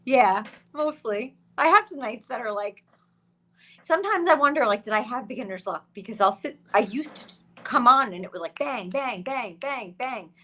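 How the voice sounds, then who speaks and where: Bright-voiced chatty woman in her late thirties. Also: on the high side, normal speed. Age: late 30s. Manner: chatty, animated, laughs often. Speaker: guest. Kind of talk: casual chat.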